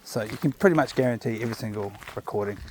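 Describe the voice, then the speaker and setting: This medium-pitched man talks very fast in a slightly mellow voice, and the low-quality recording has slight background noise. Walking his dog on outdoor park trails, the New Zealander chats casually to viewers through a chest-mounted camera. It's a laid-back, chatty, rambling monologue with jokey asides.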